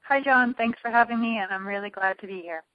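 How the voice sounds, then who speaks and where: A woman coach from New England answers questions over the phone, hesitant and full of pauses as she gathers her thoughts. The line sounds dull and a bit lo-fi, and her voice is dry and close with no room around it. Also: fairly high pitch, no echo. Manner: hesitant, many fillers and restarts. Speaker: triathlon coach and swim coach. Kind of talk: phone interview.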